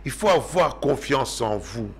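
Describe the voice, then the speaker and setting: A man's voice: mid-range voice, expressive, a little slow, vocal fry, slightly rough. A man hosting a TV interview, eager and encouraging toward his guest. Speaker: TV talk show host.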